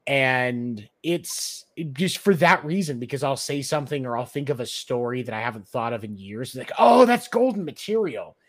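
A man hosting a podcast, chatting casually and cracking quick jokes. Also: mid-range voice, a bit bright. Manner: quick joking asides. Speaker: podcast host.

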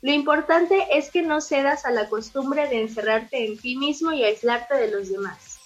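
Husky-voiced woman reading horoscopes. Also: high voice, moderate pace, lo-fi sound. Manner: steady reading, lightly informal. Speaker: horoscope reader. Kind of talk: reading horoscopes on a radio show.

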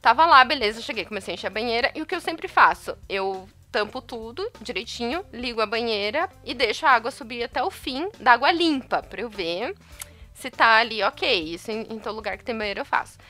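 A young woman tells a story in an animated, chatty way, laughing often and acting out the back-and-forth. Her voice is bright and sits a little high. Soft music plays faintly behind her. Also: fairly quick. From Brazil. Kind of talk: casual storytelling chat.

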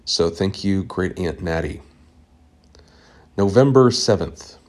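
A man hosting a podcast, reading a scripted comic story in a deadpan, earnest way from a home basement. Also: deep voice, slow pace. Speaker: podcast host. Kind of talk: scripted comedic narration.

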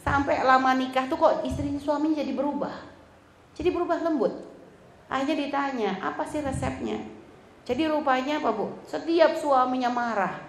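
A woman's voice: sits high, normal speed, a little hiss or hum. A woman religious teacher giving a talk to women, chatty and teasing, acting out quoted lines. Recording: roomy hall with faint ambience.

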